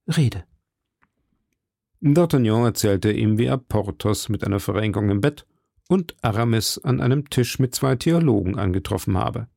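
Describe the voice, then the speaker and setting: A man narrating an audiobook in a measured storytelling manner. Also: on the low side, lively intonation, vocal fry, a little mellow, dry recording, studio quality.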